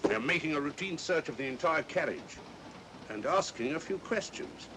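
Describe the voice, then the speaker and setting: A man, acting an officious, excitable police inspector, formal and blustering, in a vintage mystery film. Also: moderate pace, close to an everyday voice. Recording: vintage film soundtrack, train rumble.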